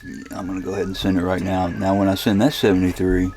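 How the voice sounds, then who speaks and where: Thinking aloud as he demonstrates some software, a man who is a radio hobbyist rambles hesitantly in a gravelly, low voice. He talks fast with little pitch movement, and there's a little hiss or hum in the audio.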